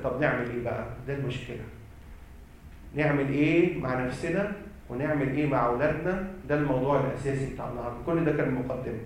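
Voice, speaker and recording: Fast-talking Egyptian priest preaching. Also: male voice, medium pitch. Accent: Egyptian Arabic. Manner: emphatic, repeats key phrases, asks and answers his own questions. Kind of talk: sermon. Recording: echoey hall, distant mic.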